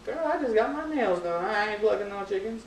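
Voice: medium pitch, expressive, fairly quick, a little hiss or hum, voice pushed up, lightly acted. A preacher voicing a pampered young woman who is sassy and dismissive, heard in an echoey room from a distance.

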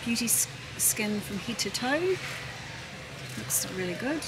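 A very animated, slightly slow-talking woman vlogs her shopping trip, chatting and thinking aloud as she browses a big indoor warehouse store. An operator films on a handheld camera, and the noisy store's hum, ambience and rumble fill the background.

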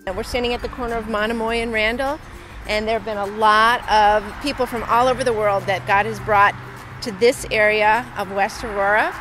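A woman in her fifties, a church volunteer talking in a friendly, brisk way on a street corner. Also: medium pitch, fairly even intonation, over music. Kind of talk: casual outdoor talk to camera.

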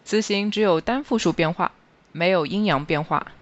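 Teacher voice for a scripted grammar review, mid pitch, slightly muffled lo-fi sound, measured and careful. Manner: slow, even, careful reading of word lists. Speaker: language teacher. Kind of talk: scripted grammar lesson narration.

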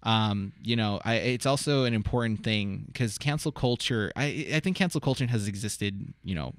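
A man in his mid twenties co-hosting a podcast, speaking in a measured, hesitant way with frequent ums. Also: lowish voice, dry recording, clean studio sound. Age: 20s. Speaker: podcast co-host. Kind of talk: casual chat.

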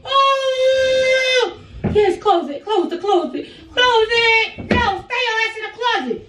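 Frightened, very high-pitched woman pleading. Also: animated, slow, fairly bright tone. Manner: pleading, exclaiming, repetitive. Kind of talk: reacting to a prank. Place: small bedroom. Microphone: far camera. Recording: echoey bedroom, far from camera, faint noise.

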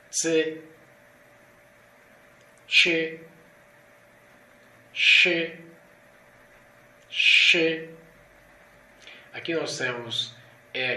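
A man's voice: medium pitch, sharp tone, slight background noise. A man teaching a language lesson, who patiently repeats each sound several times and often checks in with tag questions. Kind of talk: explaining Russian letters, slowly repeating sounds. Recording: echoey room with faint ambience.

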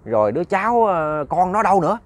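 A man's voice: high voice, sing-song, fast, voice pushed up. A man voicing a bold but uneasy old village woman who asks fretful questions.

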